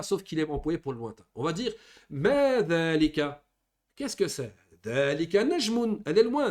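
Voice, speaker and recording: A man giving a beginners' lesson, reading Arabic words aloud and patiently explaining each one in French. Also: a little high. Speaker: Arabic teacher. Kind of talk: classroom lesson explaining grammar.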